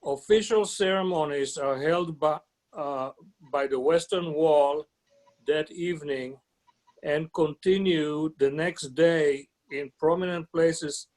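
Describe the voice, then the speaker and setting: A man speaks slowly and gravely, in a voice pitched a little high. He reads out his prepared remarks in measured, solemn phrases. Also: a little mellow, poor audio. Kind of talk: prepared memorial talk.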